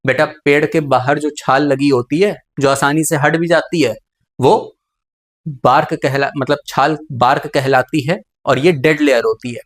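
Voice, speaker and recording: A man with a slightly higher voice gives a classroom biology lecture. He talks to his students warmly as "beta" and keeps raising a question before answering it himself. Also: steady tone, unhurried. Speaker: biology teacher.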